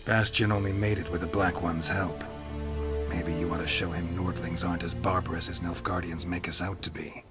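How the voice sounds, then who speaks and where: A man playing a stoic, blunt monster hunter in a video game, with a deadpan, clipped delivery. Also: low-pitched, moderate pace, loud music behind the voice, natural voice. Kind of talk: video game drama acting.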